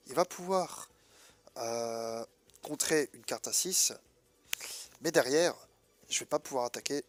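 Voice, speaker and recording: A man with a stuffed-up, nasal voice from a head cold, giving casual, colloquial gameplay commentary and hesitating as he thinks aloud. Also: medium pitch. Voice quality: congested, nasal. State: sick with a blocked nose. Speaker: gaming video host.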